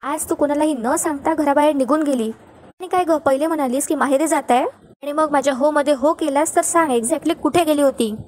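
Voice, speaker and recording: A woman's voice: high voice, fairly quick, darkish tone, natural voice. A woman voicing an angry young husband who keeps pressing with questions. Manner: insistent questioning.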